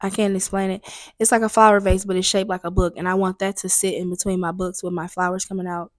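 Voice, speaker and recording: A young woman hosts a solo podcast in a booked studio room, venting candidly and chattily with emphatic repetition. Her mid-range voice is level, fast, and slightly stuffy, recorded on a dry close mic with no echo.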